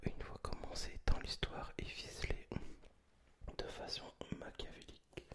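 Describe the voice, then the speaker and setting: Man in a hushed library whisper. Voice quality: breathy, unvoiced whisper. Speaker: ASMR video creator. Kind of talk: whispered ASMR book chat.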